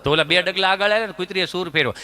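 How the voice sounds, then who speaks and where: A folk stage comedian with a Kathiawadi Gujarati accent, his voice high and bright as he spins funny stories. He talks in a lively, down-to-home way and jumps into his characters. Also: very fast, dry recording. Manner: animated, folksy, acts out the characters. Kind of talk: humorous stage storytelling.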